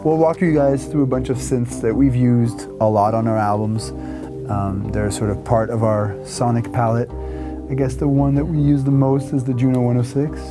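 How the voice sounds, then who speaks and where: A musician in his thirties gives a casual tour of his wood-panelled music studio, rambling in a relaxed way and gesturing with his hands as he chats. His voice is medium in pitch and moderately paced.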